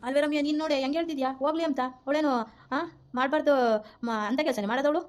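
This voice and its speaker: A woman's voice: high voice, steady tone, racing, slight background noise, natural voice. Furious mother-in-law, played by a woman: scolding and threatening, talks at breakneck speed. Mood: indignant. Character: furious middle-aged mother-in-law guarding family honour.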